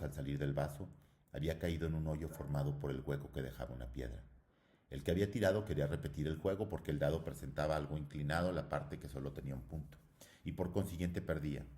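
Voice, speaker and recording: Male audiobook narrator, solemn literary reading, very low, mellow tone. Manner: solemn and measured. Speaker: audiobook reader.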